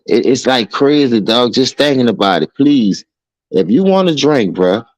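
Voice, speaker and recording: A man's voice: medium pitch, expressive, moderate pace, no echo, rough recording. A man, chatting casually on a podcast and telling loose, profane stories.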